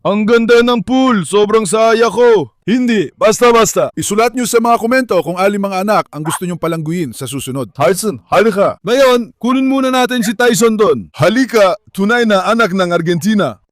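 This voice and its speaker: A man with a high, light voice vlogs outdoors from his backyard pool. He keeps calling his dogs in with coaxing, affectionate words and chats casually to his viewers. The sound is close and dry, with animal sounds now and then. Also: expressive, a little fast, hardly any pauses, no echo. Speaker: vlogger and dog owner. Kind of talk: casual vlog talk to pets and viewers.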